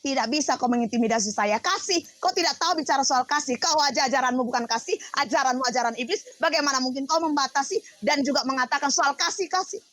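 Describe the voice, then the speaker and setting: A woman's voice: high-pitched, quick pace, few pauses, fairly bright tone. A woman pastor preaching on a livestream, confrontational and firing off rhetorical questions.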